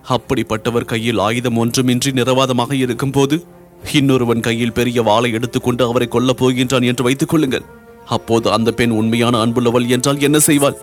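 A man's voice: mid-range voice, flat delivery, a little fast, faint music behind, close to an everyday voice. A man voicing a grieving young noblewoman who pleads through sobs. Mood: pleading. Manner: sobbing, imploring.

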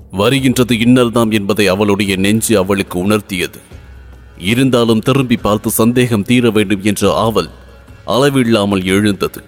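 A man narrating a historical novel in a measured, formal storytelling manner. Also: fairly low pitch.

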